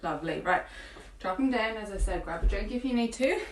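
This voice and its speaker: A woman fitness coach leading a home workout, encouraging and cueing breaths, with a morning croaky voice. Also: mid-range voice, lively intonation, a little fast, a little hiss or hum. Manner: encouraging, counting through exercises. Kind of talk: guided home workout instruction. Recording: roomy, from a distance with faint ambience.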